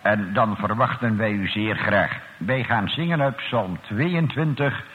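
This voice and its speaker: A man leading a slow, solemn church prayer and sermon as pastor, addressing God in archaic, formal words. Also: lowish voice. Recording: old radio broadcast, tinny, echoey church.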